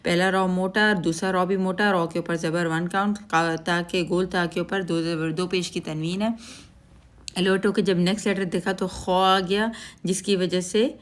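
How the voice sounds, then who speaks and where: A woman's voice: lowish voice, little pitch movement. Methodical woman teaching recitation rules. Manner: methodical, spelling out each letter and count; asks and answers her own questions. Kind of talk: step-by-step recitation lesson.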